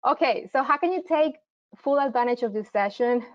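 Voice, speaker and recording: Her voice is high-pitched, with lively intonation and a moderate pace, as this Medellín-accented Colombian woman hosts and teaches an online marketing workshop live. She's friendly and explanatory but full of fillers and restarts, recorded in lo-fi sound.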